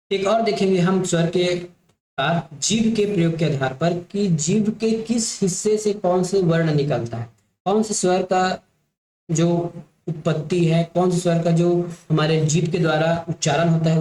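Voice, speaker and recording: A man teaching an exam-prep grammar lesson. He explains slowly, repeats each point and keeps checking that his listeners follow. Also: on the high side, darkish tone, echoey room, slight background noise, poor audio.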